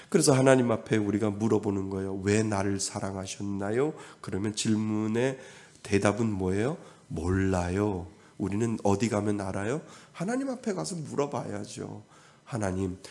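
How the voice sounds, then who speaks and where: Korean pastor preaching, questioning the congregation. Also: male voice, on the low side, a little mellow. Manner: asks the congregation questions and acts out God's words. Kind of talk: sermon.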